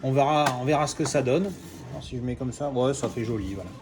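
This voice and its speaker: A man's voice: mid-range voice, quick pace. A man talks through an unboxing in a loose, chatty way. He hesitates often, restarts his sentences and swears casually as he goes. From Marseille, France. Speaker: collector doing unboxings.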